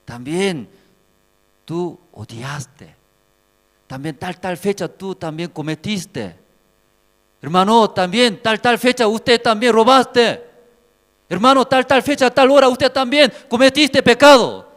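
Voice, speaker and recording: A man's voice: high-pitched, slow, fairly bright tone, pitched above the performer's own voice. A male preacher voicing God as a stern male judge, who names sins in a rising, accusing way, in a reverberant hall.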